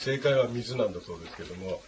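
Language teacher, male, lowish voice, patient with frequent fillers; dull lo-fi recording with a faint hiss. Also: lively intonation, very fast, a little mellow. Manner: patient, many hesitation fillers. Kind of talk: classroom language lesson.

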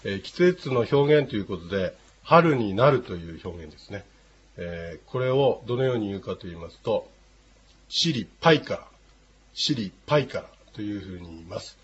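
Language teacher, male, lowish voice, patient with frequent fillers; dull lo-fi recording with a faint hiss. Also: expressive, normal speed. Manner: patient, many hesitation fillers. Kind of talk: classroom language lesson.

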